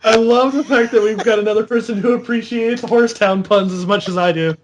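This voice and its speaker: Male podcast host, light high voice, reads text aloud and breaks off to critique it. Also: a little fast, a little hiss or hum. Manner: reads a character bio aloud, stopping to mock and correct it.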